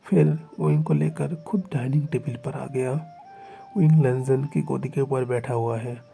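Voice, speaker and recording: A man's voice: medium pitch, steady tone, normal speed, vocal fry, warm tone. A man narrating a fan fiction story aloud in a dramatic, emphatic way. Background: faint music.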